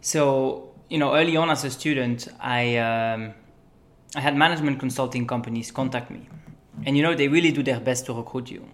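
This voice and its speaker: A man's voice: medium pitch, a little fast. Young man, from Belgium, interview guest, casual, filler-heavy speech. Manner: relaxed, with frequent ums and uhs. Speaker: guest, management consultant.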